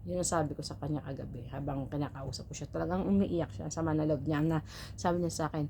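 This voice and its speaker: A woman's voice: low voice, fairly even intonation, quick pace, vocal fry, background noise. A woman who works as a domestic helper, chatting to her viewers as she tells a story and gives advice, often asking "right?". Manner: chatty, advice-giving, rhetorical "right?" tags.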